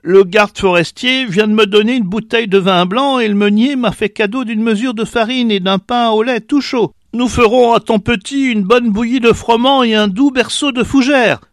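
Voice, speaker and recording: A man's voice: very high voice, moderate pace, few pauses, dry recording, studio quality, voice pushed up. A man voicing a generous old peasant woman who eagerly offers shelter. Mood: kindly.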